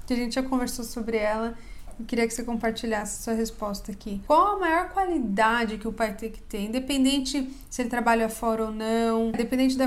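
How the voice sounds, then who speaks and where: A woman hosting a casual interview, asking questions and setting up scenarios. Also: on the high side. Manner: asks questions and sets up scenarios. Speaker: host.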